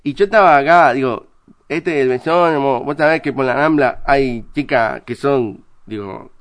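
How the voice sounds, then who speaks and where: A man's voice: mid-range voice, normal speed, lightly acted. A man playing a nervous, tongue-tied married man in a radio comedy sketch, rambling with odd mouthy speech and stammering restarts. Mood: confiding. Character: nervous married man caught in a car, short tongue-tie.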